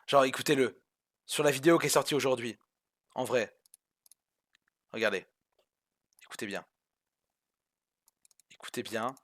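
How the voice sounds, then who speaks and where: A man streaming a card game, talking straight to his viewers with sarcastic swearing asides, jumping from loud outbursts to low mutters. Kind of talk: live-stream game commentary.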